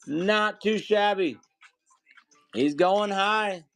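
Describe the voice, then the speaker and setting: A man's voice: sits high, very slow, fairly bright tone. A man hosting a live card break, reading off player names and calling out the hits to viewers.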